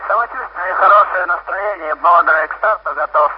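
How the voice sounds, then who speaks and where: A man reporting in brisk, clipped radio procedure over a crackling, breaking-up space radio link. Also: high-pitched. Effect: crackling, breaking-up space radio transmission. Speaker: pilot awaiting launch. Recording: hissy muffled archival radio link.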